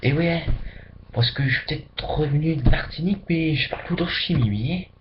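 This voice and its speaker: A man's voice: a little high, a little fast. A man from France chatting casually into his webcam, rambling and dropping into whispers for emphasis. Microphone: webcam mic. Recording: dull lo-fi webcam audio with faint hiss.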